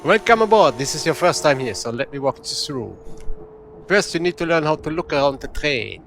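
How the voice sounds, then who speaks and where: A man putting on a brisk woman commander with a mock Eastern European accent. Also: a little high, animated, creaky, a bit bright, a little hiss or hum. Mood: instructing. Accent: put-on Russian or Polish.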